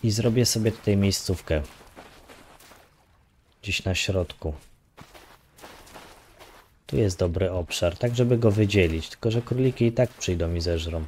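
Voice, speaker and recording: Low-pitched and darkish, a man speaks at a measured pace with long pauses, a faint hiss or hum underneath. He's a gaming YouTuber giving relaxed let's-play commentary, counting under his breath and grumbling with mild swearing.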